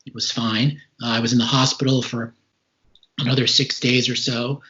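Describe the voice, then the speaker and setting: Guy in his 40s kinda short of breath, halting careful explaining in an interview, muffled lofi sound. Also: medium pitch, level tone, bright, forceful tone. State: short of breath, recovering from serious respiratory illness. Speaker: interview guest, recovering patient. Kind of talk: recounting personal experience in an interview. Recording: dull lo-fi call audio.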